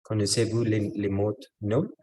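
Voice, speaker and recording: A man's voice: lowish voice, little pitch movement, a little slow, mellow. A man teaching French in an online class, patiently checking that students follow and mixing French phrases into Spanish explanations over a video call. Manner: patient, often checks understanding with tag questions.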